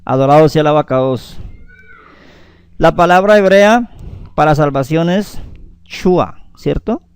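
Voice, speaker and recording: A man's voice: a little high, expressive, a little slow, clear, resonant tone, no room sound, studio quality. A man preaching a sermon on the weekly Torah portion, calling his listeners beloved, interjecting hallelujah often and citing chapter and verse at length.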